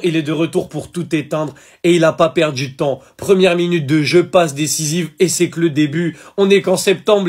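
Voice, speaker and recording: A man with a high voice gives emphatic football commentary, talking straight to his viewers. He sounds sure of himself and lays each point on thick. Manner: emphatic, addresses viewers directly. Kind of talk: casual video commentary.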